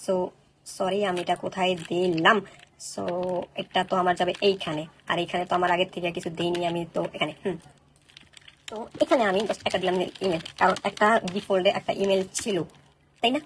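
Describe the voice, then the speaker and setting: A woman teaching a coding tutorial, talking fast and checking in with listeners after each step. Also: lowish voice, steady tone, a little hiss or hum. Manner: rapid, keeps checking in with "okay?". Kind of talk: screen-recorded coding tutorial.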